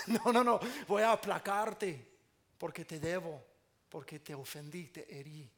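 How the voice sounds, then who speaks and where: A man's voice: a little high, a little slow, a bit bright. A man preaching a sermon as pastor, earnest with playful asides, speaking Spanish with an American English accent.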